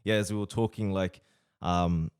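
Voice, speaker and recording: A man hosting a casual interview, relaxed and hesitant with many ums. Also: sits low, moderate pace, smooth, no room sound, clean studio sound. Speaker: podcast host.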